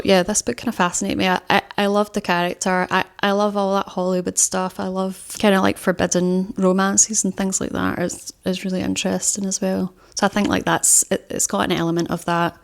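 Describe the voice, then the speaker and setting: Young woman, casual book chat, rambling, lots of fillers, low-ish flat voice. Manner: rambling, many fillers and restarts. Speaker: book vlogger. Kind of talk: casual book talk to camera.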